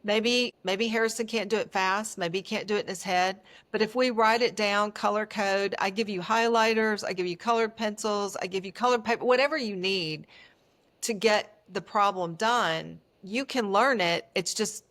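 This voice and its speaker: A woman with a medium-pitched voice speaks as a coach being interviewed. She talks earnestly and emphatically, laying out her points in short statements and lists, in a conversational storytelling way. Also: steady tone, moderate pace, a bit bright. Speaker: etiquette coach.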